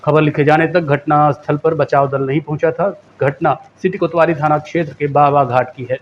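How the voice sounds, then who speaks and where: A man reading a local news bulletin in a steady, formal voice. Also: fairly high pitch, fairly quick, highs cut off, slight background noise. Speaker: news anchor.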